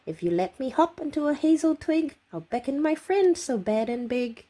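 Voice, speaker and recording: A woman voicing a tiny, clever storybook mouse in a squeaky voice. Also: animated, normal speed, warm tone. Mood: pleading, crafty.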